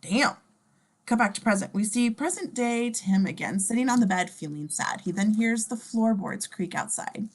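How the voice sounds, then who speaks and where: At a casual table read, a woman with a mid-range, expressive voice reads the scripted scene descriptions at normal speed. Her manner is informal, and she tends to add wry asides.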